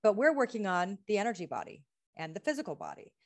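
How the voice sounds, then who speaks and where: A woman's voice: mid-range voice, big pitch swings. Earnest american-raised woman healer on an interview, rattles off lists, laughs a lot. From United States. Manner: earnest, lists questions in rapid runs, laughs often. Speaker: guest, healing practitioner and author. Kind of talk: conversational interview.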